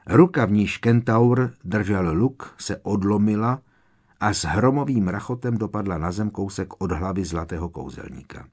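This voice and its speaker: A man narrating an audiobook with a lively, expressive reading. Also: lowish voice, husky.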